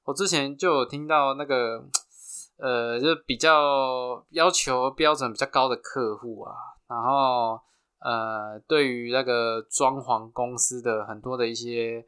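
A man with a Taiwanese Mandarin accent hosting a podcast, telling stories in a chatty, halting way full of restarts. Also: mid-range voice, fairly even intonation, sharp tone, clear, resonant tone. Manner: chatty, halting with frequent restarts and fillers, laughs at his own stories. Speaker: podcast host. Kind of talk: casual storytelling.

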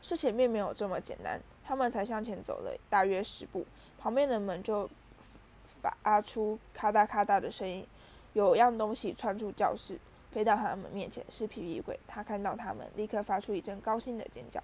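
A woman reading a storybook aloud as narrator, lively and voicing the characters. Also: medium pitch, moderate pace, slight background noise. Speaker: audiobook reader.

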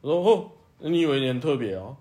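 A man's voice: medium pitch, expressive, fast talker, mellow. A man with a Taiwanese Mandarin accent co-hosting a podcast, chatting crudely, swearing and laughing as he retells stories. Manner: laughs often, swears freely, acts out quotes. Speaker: podcast co-host. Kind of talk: casual crude banter.

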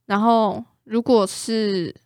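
A woman's voice: mid-range voice, fairly even intonation, slow pace, darkish tone, no echo, clean studio sound. Casual Taiwanese woman, blunt and informal. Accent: Taiwanese Mandarin. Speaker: guest sharing relationship stories. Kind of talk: casual chat.

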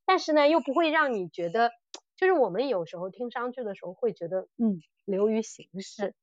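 A woman with a slightly high, somewhat mellow voice speaks animatedly and a bit fast, the highs cut off in the recording. Co-hosting a podcast on audio dramas, she keeps circling and repeating phrases as she gets to her point.

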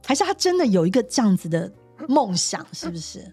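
A woman's voice: mid-range voice, big pitch swings, fairly quick, mellow, husky, soft background music. A woman, hosting a casual chat and explaining astrology eagerly, laughing often. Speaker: podcast host and astrologer.

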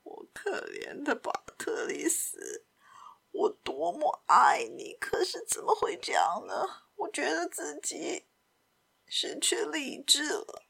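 A woman voicing an old father in a storybook reading, speaking in a faint, halting, pained whisper. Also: high voice, huge pitch swings, gravelly, fairly bright tone, pitched above the performer's own voice, exaggerated voice. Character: old father, broken and pleading, male. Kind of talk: audiobook character voice.

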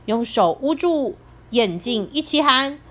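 Children's storyteller: woman, high, slow, sing-song and animated.

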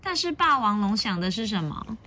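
Woman storyteller, picture book read-aloud, expressive, asks listeners questions. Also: medium pitch, moderate pace, slight background noise.

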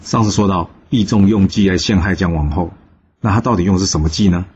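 A man hosting a storytelling channel, narrating a classical tale in a lively way and lightly voicing the characters in quotes. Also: low-pitched, quick pace, soft background music. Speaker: storyteller host. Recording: slightly dull recording with faint noise.

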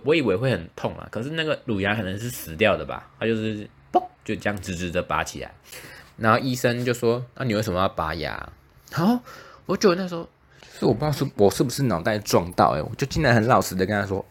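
A young man with a Taiwanese Mandarin accent chatting casually on his own podcast, self-mocking and acting out the dialogue in his stories. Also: on the low side. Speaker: podcast host. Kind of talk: casual solo podcast chat.

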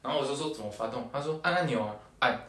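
A young man talks fast on a casual podcast. His voice sits at a medium pitch, and he tosses out joking asides and stories. The room gives his voice a noticeable echo. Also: animated, sharp tone. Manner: quick, joking banter. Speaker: podcast co-host. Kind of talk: casual chat storytelling. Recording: roomy echo.

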